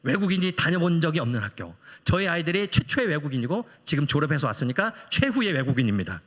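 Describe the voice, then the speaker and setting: Middle-aged male missionary preacher, slightly high and very expressive, storytelling sermon in a reverberant sanctuary. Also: quick pace. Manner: animated storytelling, acting out quoted voices. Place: church sanctuary. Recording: long church hall reverb.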